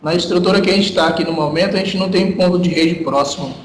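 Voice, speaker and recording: A man's voice: high voice, fairly even intonation, fast talker. Man on a choppy, echoey call line. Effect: remote voice over a choppy internet call. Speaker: client in an online training call. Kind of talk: casual talk. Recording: echoey, far-off call audio with faint noise.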